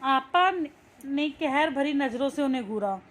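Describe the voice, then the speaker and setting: A woman's voice: sits high, measured pace, fairly bright tone, slight background noise. A young woman teacher reading a textbook story aloud and explaining each line in simple words. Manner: reads a line, then restates it in simple words.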